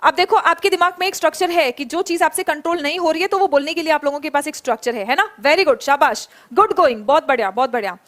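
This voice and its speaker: A woman teaching an online spoken English class, saying example sentences slowly and praising her students by name. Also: sits high, expressive, a bit bright.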